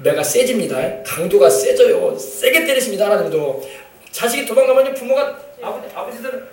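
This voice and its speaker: A male pastor preaches at a quick clip, with a high, bright voice. He stresses his points, calls out to the congregation and acts out family scenes. The sound is echoey, heard from a mic some distance away in a church hall. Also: animated, a little hiss or hum. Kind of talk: sermon. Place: church sanctuary.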